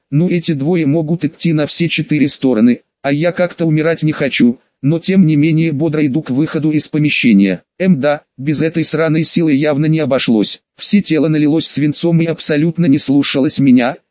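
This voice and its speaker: A man narrates an audiobook in a fairly high voice. The sound is dry and close, with a dull, muffled lo-fi quality. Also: brisk, few pauses, dry recording.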